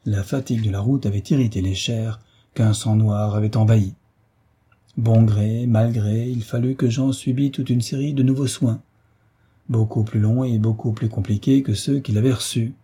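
A man narrating a classic novel as an audiobook with a measured, deliberate reading. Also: lowish voice, fairly even intonation, mellow, slightly rough.

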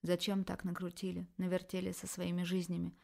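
Low-voiced woman narrating an erotic audiobook. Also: a little fast, creaky. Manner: expressive, emotional. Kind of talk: first-person erotic novel reading.

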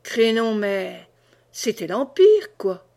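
A woman heavily acts out a boastful, drunken old peasant, very animated, with a creaky, dark tone as he hiccups and blusters oaths. She voices him slightly lower and slower than she normally speaks.

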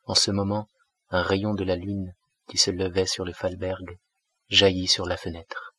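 A man narrating a classic novel as an audiobook in a measured, steady way, close to the mic. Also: low-pitched, husky, dry recording.

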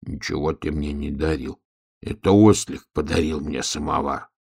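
A man voicing a small, wary male bear cub in a fairy tale, with a low, curt, grumbling way of talking. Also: moderate pace, gravelly, a little mellow, slightly rough, exaggerated voice. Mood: gruff.

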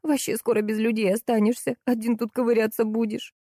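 A woman voicing a tearful young market saleswoman who whines and snaps in a shrill voice. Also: level tone, fairly quick, warm tone, no echo, studio quality, natural voice. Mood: spiteful. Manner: shrill, whining and snappish.

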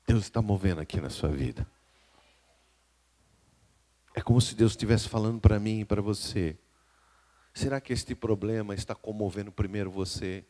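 Emphatic Brazilian pastor preaching. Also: male voice, on the low side, moderate pace, long pauses. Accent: Brazilian Portuguese. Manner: emphatic preaching that swings between hushed and loud, calling out to the congregation. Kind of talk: live sermon.

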